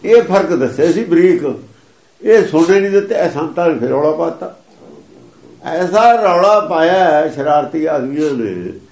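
A man preaches in a high voice, explaining scripture with emphasis. He chants and repeats the lines he quotes. The sound is roomy and echoing. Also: expressive, measured pace, darkish tone. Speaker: religious preacher.

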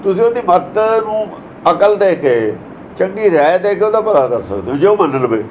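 A man's voice: high voice, very animated, normal speed, slight background noise, low-quality recording. A man giving a religious discourse that explains verses, lecturing earnestly and asking many rhetorical questions. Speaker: preacher.

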